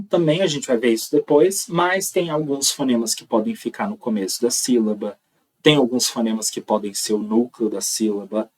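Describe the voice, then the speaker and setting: A man's voice: medium pitch, breathy edge, distant mic, poor audio. A man with a Brazilian accent teaching an online lecture, explaining step by step and checking in with frequent "tá?". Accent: Brazilian Portuguese.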